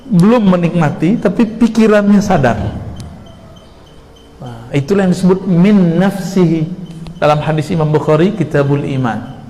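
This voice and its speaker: A man preaching to a congregation, lively and full of rhetorical questions. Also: fairly high pitch. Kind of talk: sermon. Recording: long hall reverb with faint noise.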